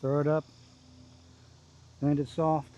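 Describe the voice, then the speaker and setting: Casting: male amateur golfer, slightly higher-pitched, mellow voice, understated self-narrated golf commentary in clipped phrases. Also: flat delivery, slow pace, lo-fi sound, a little hiss or hum. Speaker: amateur golfer recording his own round. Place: outdoors on a golf course.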